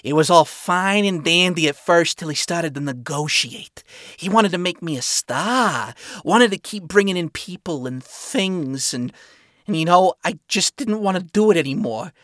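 A man's voice: a little high, expressive, measured pace, a bit bright, no echo, studio quality, voice pushed up. A man voicing a world-weary, flamboyant male spider demon who swears and talks in slang, in a fan fiction reading. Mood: bitter.

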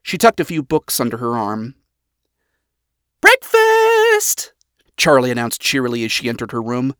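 A reader narrating a chapter of a story aloud with expressive storytelling. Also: mid-range voice, fast talker, no room sound, studio quality. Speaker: audiobook reader.

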